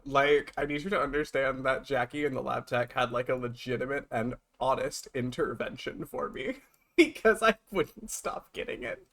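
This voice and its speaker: A man streaming live, chatting casually with his audience and co-host while he eats, swearing freely and swinging between loud and soft. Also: mid-range voice, normal speed.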